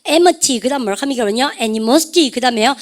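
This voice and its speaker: A woman teaching English vocabulary to a class, lively and chatty, often calling out to her students and drilling English words aloud. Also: high-pitched, rapid-fire. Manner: lively, repeats "여러분들", asks the class questions; refers to herself as "쌤". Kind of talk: lecture to a class.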